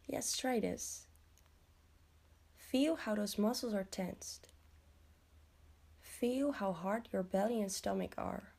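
Woman, relaxation guide; unhurried, mellow, soothing delivery. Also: mid-range voice, vocal fry. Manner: slow, soothing, instructional. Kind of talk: guided progressive muscle relaxation.

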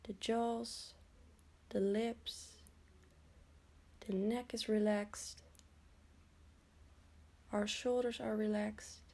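Woman, relaxation guide; unhurried, mellow, soothing delivery. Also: mid-range voice, level tone. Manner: slow, soothing, instructional. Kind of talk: guided progressive muscle relaxation.

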